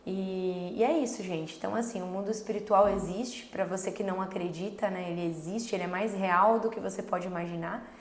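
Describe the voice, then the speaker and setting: A Brazilian woman in her thirties telling a faith story about her son in an earnest, slow, casual way, full of little filler tags. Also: medium pitch, steady tone. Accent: Brazilian Portuguese. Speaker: mother sharing a faith story. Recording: echoey room with faint background noise.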